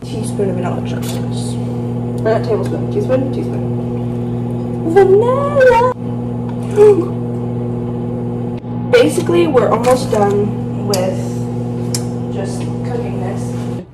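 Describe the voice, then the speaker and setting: A woman's voice: mid-range voice, huge pitch swings, slow, pauses often, recorded from a distance, very noisy. A teenage girl chatting casually as she bakes in her home kitchen, rambling and poking fun at herself, filmed on a phone camera. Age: teens. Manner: chatty, self-mocking, rambling. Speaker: vlogger. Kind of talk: casual baking vlog. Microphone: phone camera at a distance. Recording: roomy kitchen, off-mic, music.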